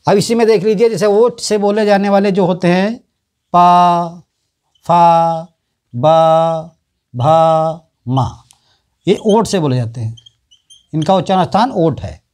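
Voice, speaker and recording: A man teaching an exam-prep lesson in a Hindi accent, repeating each letter and answer slowly. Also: high-pitched, expressive, dark tone.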